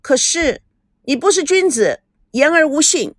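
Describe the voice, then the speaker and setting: A woman's voice: very high voice, lively intonation, unhurried, a bit bright, dry recording, clean studio sound, pitched above the performer's own voice, exaggerated voice. A woman doing a spoiled, whiny teenage girl. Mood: petulant.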